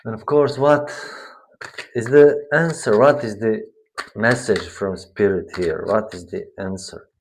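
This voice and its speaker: A man giving a spiritual tarot reading, slow and meandering, often searching for his words. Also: on the low side, fairly even intonation, creaky, slight background noise, low-quality recording. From Bosnia. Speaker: tarot reader.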